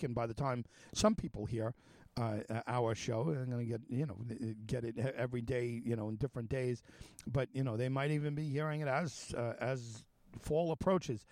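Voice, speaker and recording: A man's voice: medium pitch, darkish tone, dry recording. A man hosting a talk show interview, asking long questions full of fillers and restarts. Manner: halting, many fillers and restarts. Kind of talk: casual interview chat.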